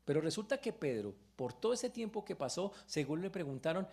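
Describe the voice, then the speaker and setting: A man preaching a sermon as pastor in church, retelling a story with lively exclamations. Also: fairly high pitch, a little fast.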